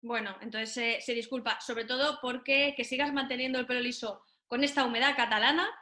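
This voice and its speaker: Bright, playful woman interviewer. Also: fairly high pitch, fairly even intonation. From Valencia, Spain. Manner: playful, chatty, quick to laugh. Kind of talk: casual interview chat. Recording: roomy echo.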